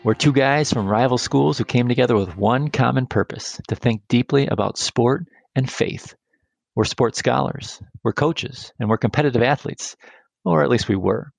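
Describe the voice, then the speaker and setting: A man's voice: medium pitch, moderate pace, gravelly, dry recording, rough recording. A man co-hosting a podcast, opening the show and asking a guest friendly questions. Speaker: podcast co-host. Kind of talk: scripted show intro and interview questions.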